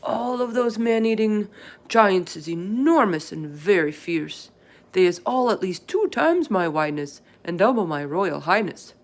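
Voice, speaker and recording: A woman voicing a big, friendly male giant from a children's storybook, earnest and excitable, with muddled folksy grammar. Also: medium pitch, measured pace. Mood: excited, indignant. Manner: emphatic, garbled folksy grammar with made-up words.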